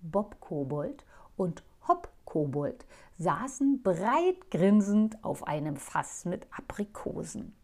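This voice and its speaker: Woman, children's story reading, expressive, playful, lively pitch, gravelly. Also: takes it slowly.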